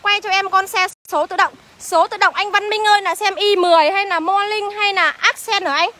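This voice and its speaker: A young woman livestreaming from a used car lot, briskly reading out car prices and greeting viewers by name, recorded on a phone as she walks. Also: very high voice, fairly even intonation, bright, forceful tone, slight background noise. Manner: brisk sales patter, reels off prices and addresses viewers as "anh".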